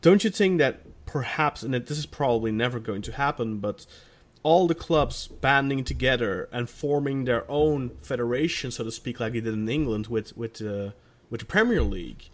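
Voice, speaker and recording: Man, podcast co-host, casual discussion, rambling, restarts sentences, mid-pitched voice. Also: moderate pace, few pauses. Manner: rambling, restarts often, self-aware about stuttering.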